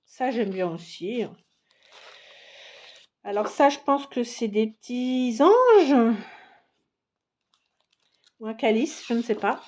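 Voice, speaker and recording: Woman craft vlogger, slightly high voice, unhurried casual show-and-tell. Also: expressive, darkish tone. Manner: chatty, many fillers and pauses while browsing papers. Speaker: craft vlogger showing a haul.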